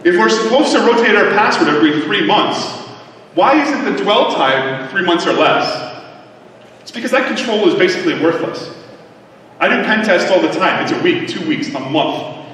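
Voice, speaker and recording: A man giving a conference talk to a live audience, joking and tossing quick asides to the crowd. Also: high-pitched, expressive, fairly bright tone, a little hiss or hum. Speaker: conference speaker. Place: large conference hall. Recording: echoey hall from far off.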